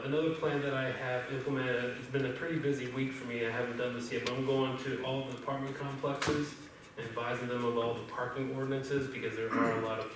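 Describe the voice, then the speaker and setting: Man with a flat monotone in an echoey hall. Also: medium pitch. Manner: plain, unhurried, with many ums and uhs. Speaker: deputy giving a police report. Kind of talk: spoken report at a council meeting. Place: council chamber. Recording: echoey hall recorded from far off, noisy.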